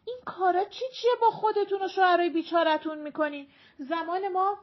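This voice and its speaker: A woman's voice: high voice, animated, highs cut off. A woman voicing a pious older woman in a grey headscarf, scolding and lamenting.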